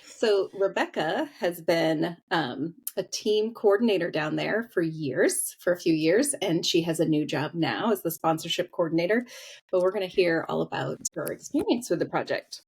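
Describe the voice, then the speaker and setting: A woman's voice: on the low side, normal speed, a little mellow, slightly rough. A woman hosting a podcast interview in a friendly, chatty way. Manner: friendly, chatty, laughs easily. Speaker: podcast host. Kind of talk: casual interview.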